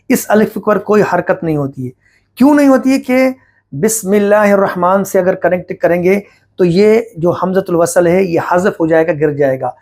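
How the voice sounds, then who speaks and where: A man's voice: sits high, a little mellow. Patient male Quran tajweed teacher. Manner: patient, repeats points, asks and answers his own questions. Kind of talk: explaining tajweed rules, slow recitation examples.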